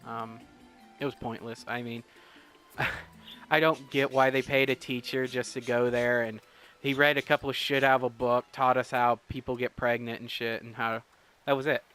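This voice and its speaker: A man's voice: medium pitch, pushed and bright. A young man doing casual, profane let's play commentary, rambling through stories. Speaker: gaming video host.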